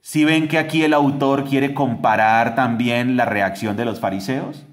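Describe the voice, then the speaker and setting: A man, co-hosting a podcast and giving an animated Bible teaching. He keeps asking the listeners rhetorical questions. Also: unhurried. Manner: animated, acts out quoted voices with big pitch jumps.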